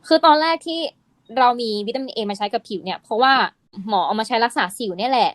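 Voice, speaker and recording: A fairly high-voiced woman co-hosting a casual podcast, explaining things in an animated way with bits of teasing. Her voice sits close and dry on the mic, with no room sound. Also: fast talker, no echo. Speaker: podcast co-host explaining skincare. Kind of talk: casual chat.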